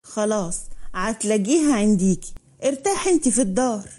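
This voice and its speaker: A woman's voice: medium pitch, lively intonation, fairly quick, mellow, natural voice. Figure: hot-tempered young village man played by a woman. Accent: Upper Egyptian. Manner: commanding. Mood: calm.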